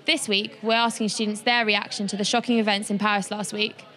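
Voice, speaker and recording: A young woman presenting a student show and asking interview questions in an even, scripted way. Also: mid-range voice, brisk.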